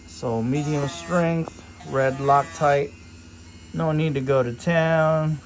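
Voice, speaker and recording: A man's voice: a little high, fairly even intonation, slow pace, a little hiss or hum. A sleepy man hosting a casual car-build vlog, joking and talking as he works on a car in his home garage. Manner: laid-back, joking, talks while working. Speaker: car channel host.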